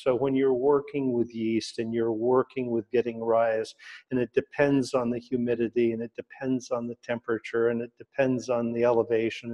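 An older man, a company head, explaining his product at a measured pace with fillers and restarts, heard over a video call. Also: mid-range voice, a little mellow, rough recording. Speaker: company CEO guest. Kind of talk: remote video interview. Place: indoor room, plain wall behind. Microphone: webcam video call.

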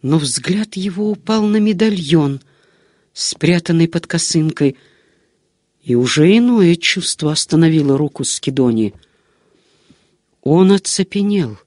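A woman narrating a gothic novel as an audiobook reader, in an expressive, measured way. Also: low voice, no room sound, studio quality.

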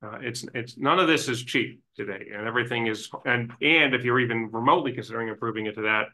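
A waste industry advisor speaks in a council chamber, offering informal, explanatory background during a town council meeting's public discussion. His mid-range voice is pushed and bright, and he talks fast, restarting often.

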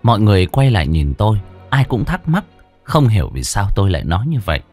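A man narrating a ghost story dramatically, dropping to a hush for tension. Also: fairly low pitch, quick pace, faint music behind. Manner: dramatic, expressive, swings between hushed and loud.

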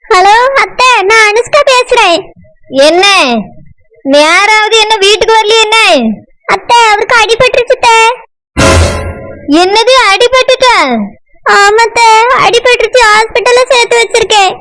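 Young cartoon wife voiced by a woman, Tirunelveli Tamil, very high, pleading and anxious. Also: measured pace, long pauses, bright, forceful tone, heavily acted, poor audio. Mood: worried. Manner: pleading, complaining.

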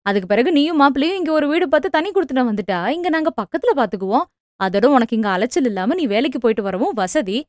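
A woman voicing an anxious, talkative middle-aged mother who scolds quickly and defends herself. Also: high voice, animated, no room sound, studio quality. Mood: defensive scolding. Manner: fast, fretful, scolding.

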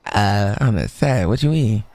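A man's voice: lowish voice, lively intonation, a little slow, a little mellow, dry recording. A young man streaming a roleplay game, trolling other players with slang and frequent laughter. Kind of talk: in-character roleplay banter.

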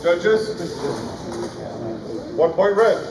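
A man refereeing a match, calling out short, booming, formulaic commands like an announcer. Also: fairly even intonation, very slow. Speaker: referee at a fencing tournament. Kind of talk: shouted match officiating calls. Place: large indoor sports gymnasium. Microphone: distant camera microphone. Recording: echoey gym from far off, loud background noise.

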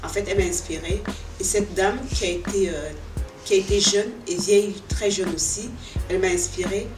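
A woman's voice: medium pitch, fairly even intonation, moderate pace. A middle-aged woman from Cameroon, a fashion designer and boutique owner, answering interview questions in an earnest, hesitant way with many fillers and restarts. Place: indoor boutique, seated. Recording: echoey room, voice from a distance, music underneath.

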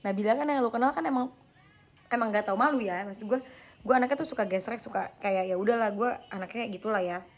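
A young woman hosts a live stream in a mid-range voice, with faint music playing behind her. She chats casually and playfully with viewers, answers their questions in slang, and is quick to laugh at herself.

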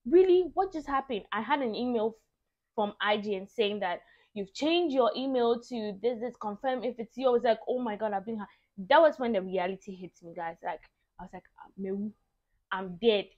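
A young Ghanaian woman vlogger telling a story to camera in a casual, animated and exasperated way. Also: mid-range voice, moderate pace. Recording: dull lo-fi audio.

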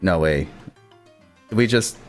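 A young man streams live, overexcited, stammering and laughing frequently between words in a deep, expressive, slow voice. Faint music plays in the background of this excited stream chat.

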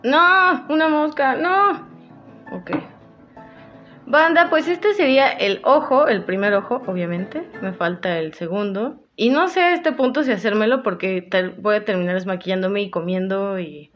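A woman's voice: medium pitch, animated, normal speed. A woman with a Mexican accent chatting casually and playfully to her viewers while doing her makeup, laughing often. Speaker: makeup vlogger. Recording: dull lo-fi with faint music.

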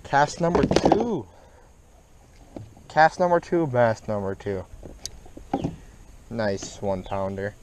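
A man's voice: mid-range voice, expressive, slow pace, pauses often. A young man with a Midwestern American accent giving upbeat casual commentary while fishing from a kayak on a lake, recorded on a head-mounted action camera. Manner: upbeat, chatty, talks while working the rod. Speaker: fishing vlogger. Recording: noisy outdoor camera audio.

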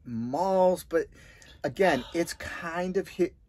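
A man's voice: a little high, slow pace, darkish tone, no room sound. A middle-aged man co-hosting an RV travel show, explaining options steadily in casual chat with plenty of ums and uhs. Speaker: co-host of an RV travel channel. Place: small indoor room in front of a green screen.

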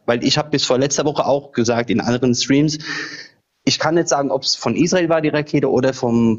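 A man debating casually on a livestream call, halting and often repeating his phrases. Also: mid-range voice. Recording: dull, lo-fi livestream audio.

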